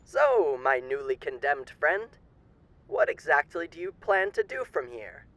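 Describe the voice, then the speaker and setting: A man plays a suave demon overlord in an ASMR character roleplay, using theatrical, old-fashioned genteel diction. His voice is on the high side, sing-song and a bit bright, at a measured pace, and he sounds smug yet courteous.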